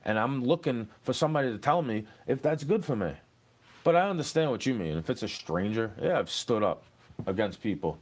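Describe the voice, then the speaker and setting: A man's voice: medium pitch, sing-song, brisk. A young man, rambling and cursing as he answers questions in a street interview. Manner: rambling, profane, aggrieved.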